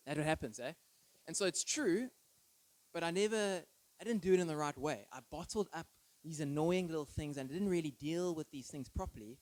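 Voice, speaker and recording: A thirty-year-old male preacher with a fairly high pitch and darkish tone, heard on a rough recording. His sermon is informal and conversational, full of personal stories, and he often checks in with listeners using short tag questions.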